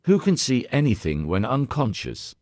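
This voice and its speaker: A man's voice: medium pitch, wildly swooping pitch, moderate pace, darkish tone, dry recording, studio quality. A man voicing a frightened young woman nurse who answers hesitantly. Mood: nervous.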